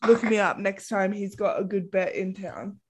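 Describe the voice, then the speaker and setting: A man's voice: high-pitched, moderate pace, breathy edge. A man taking part as a player in a tabletop game, cheeky and laid-back. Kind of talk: tabletop role-play chat.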